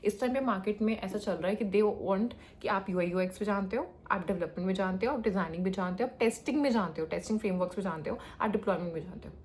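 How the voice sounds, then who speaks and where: Fast-talking young woman. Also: medium pitch, a little mellow, slight background noise. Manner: hyperactive, rapid talker mixing in English phrases. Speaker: frontend developer giving career advice. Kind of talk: casual advice talk.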